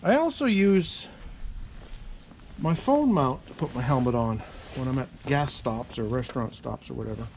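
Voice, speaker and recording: A man's voice: medium pitch, animated, normal speed, a little mellow, slight background noise. A man casually talking through his motorcycle camera setup outdoors, chatting to himself as he fiddles with gear. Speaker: motovlogger.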